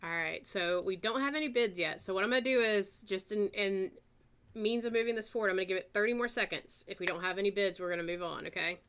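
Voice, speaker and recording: A woman with a Southern American accent hosting a live-stream auction, chatting in an unhurried way as she reads out kit details and starting bids. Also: mid-range voice, a bit bright, clean tone.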